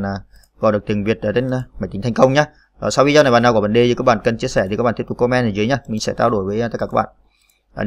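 A man's voice: lowish voice, no room sound. A man hosting a computer typing tutorial, spelling out keys letter by letter with frequent "à" fillers. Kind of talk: screen-recorded typing tutorial.

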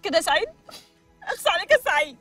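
A woman's voice: extremely high pitch, big pitch swings, rapid-fire, sharp tone, faint music behind, full character voice. An actress playing a hysterical, dramatic woman in quarantine in an Egyptian sitcom, with an Egyptian Arabic accent and wailing, over-the-top outbursts. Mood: frantic comic. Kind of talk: TV sitcom acting.

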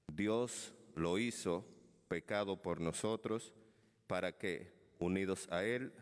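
Male lector, low smooth voice, solemn scripture reading. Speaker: lector at Mass. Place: church, at the lectern. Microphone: gooseneck lectern microphone, speaking through face mask. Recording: reverberant church sound.

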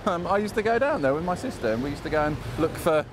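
A man in his forties guiding a casual walking tour outdoors on city streets, playful and quick to laugh. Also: fairly high pitch, lively intonation, background noise.

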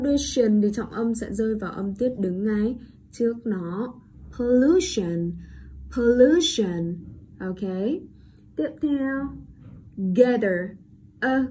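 A woman with a Vietnamese accent teaches English pronunciation, saying each word slowly and more than once before explaining it. She keeps checking in with her students. A faint hiss sits under the recording. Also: mid-range voice, mellow. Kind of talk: online pronunciation lesson.

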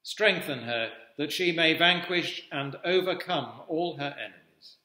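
An older Anglican priest leads evening prayer at the altar of a wooden-panelled cathedral, reading traditional prayers slowly, solemnly and formally. His male voice sits on the high side and sounds animated, bright and forceful. The church is echoey, with a long reverb trailing every line.

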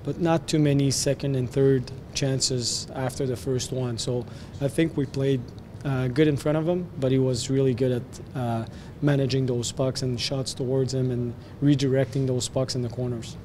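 A man in his forties with a French Canadian accent, a hockey head coach answering post-game press questions in a measured way, with frequent fillers and restarts. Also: mid-range voice, fairly even intonation, mellow, a little hiss or hum. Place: arena media backdrop, indoors. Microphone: handheld press mics close.

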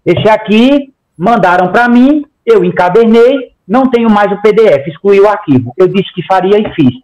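Talking through a headset on a video call from home, this interview guest of about forty has a high-sitting voice with lively intonation and a darkish tone at normal speed. He is emphatic, gestures plenty, and strings long runs together with repeated "tá?". The audio quality is poor.

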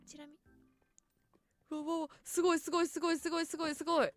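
A woman's voice: extremely high pitch, little pitch movement, rapid-fire, no room sound, soft background music. A voice actress giving chatty, casual commentary as she tours a game world and keeps exclaiming in delight.

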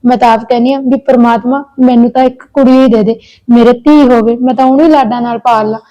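A caring but anxious elder sister-in-law talks on earnestly, pleading and complaining in long runs, played by a woman. Her voice is fairly high and mellow. It is plain village short-film acting. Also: steady tone, fast, muffled recording, lightly acted. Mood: worried, caring. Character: elder daughter-in-law, childless, kind and anxious.

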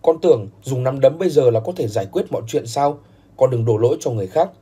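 A man's voice: medium pitch, animated, fast, warm tone, slightly rough. A man voicing a stern older grandfather who heads a family business, speaking reproachfully in a storybook recap. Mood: scolding.

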